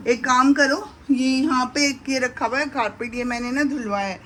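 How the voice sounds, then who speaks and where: The voice is high-pitched and bright, with fairly even intonation and a moderate pace, plus a little hiss or hum. It belongs to a middle-aged vlogger and mother giving casual cooking-vlog narration as she makes breakfast at home, warmly speaking to her sons, captured on a handheld camera.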